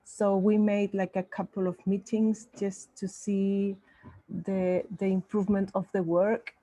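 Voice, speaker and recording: Woman artist from Chile, slow and halting, soft dark tone. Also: medium pitch, level tone, rough recording. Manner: halting, many restarts. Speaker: artist guest. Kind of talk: online panel talk.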